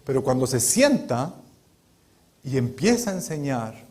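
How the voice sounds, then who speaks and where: A man's voice: mid-range voice, very animated, measured pace, a little mellow. A man preaching a sermon in a dramatic, emphatic way, often checking in with the congregation.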